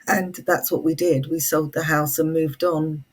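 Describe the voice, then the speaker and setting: A middle-aged British woman telling a personal ghost story in conversation, fireside storytelling with deliberate pauses and repeated phrases. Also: low-pitched, little pitch movement, breathy edge. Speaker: guest, psychic storyteller and Feng Shui consultant.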